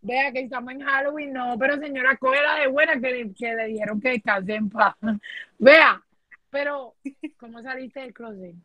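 A woman's voice: sits high, normal speed, dry recording, lo-fi sound. A woman in casual chat, teasing her friends and pressing them with questions. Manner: teasing, asks pushy questions.

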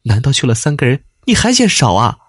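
A man's voice: mid-range voice, sing-song, a little fast, dry recording, clean studio sound. A man voicing a worried wife who scolds her injured husband in a raised, nagging voice. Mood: scolding.

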